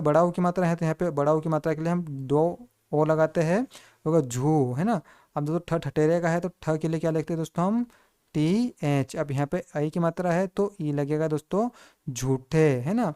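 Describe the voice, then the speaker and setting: A teacher walks through a spelling lesson step by step, posing questions to the listener and answering them, and repeatedly addresses the audience as friends. The voice is medium-pitched, mellow and clean in tone.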